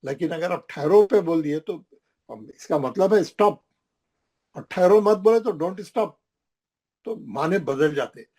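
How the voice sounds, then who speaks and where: A man's voice: on the high side, expressive, slow, pauses often, a little mellow. A man teaching a recitation class, explaining rules with emphatic repetition and pointing things out on the page.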